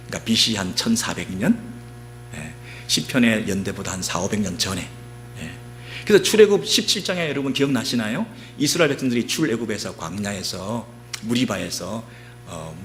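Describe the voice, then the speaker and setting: A middle-aged male pastor giving an animated sermon, often asking the congregation questions. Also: on the low side, slight background noise.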